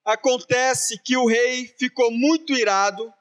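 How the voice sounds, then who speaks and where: Man, high-pitched, casual storytelling sermon. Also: measured pace, a bit bright. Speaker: preacher. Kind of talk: sermon, retelling a parable.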